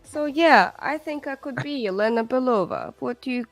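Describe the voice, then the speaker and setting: A woman hosts a casual live stream from home, chatting in an excitable, chatty way. Her voice sits a little high. The sound is dry and close. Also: normal speed, no room sound, faint music behind. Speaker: stream host.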